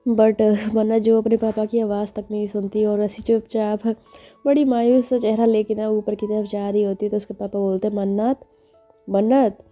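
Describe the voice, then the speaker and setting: A woman's voice: mid-range voice, flat delivery, moderate pace, warm tone, faint music behind. Chatty woman telling a story. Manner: chatty, conversational, sprinkled with asides. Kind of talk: casual story narration.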